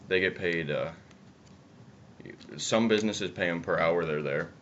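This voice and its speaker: A young man from upstate New York co-hosts a casual political video chat, talking bluntly and swearing with chewing tobacco in his lip. His voice is deep and a bit bright, with a measured pace. The amateur audio is muffled and noisy.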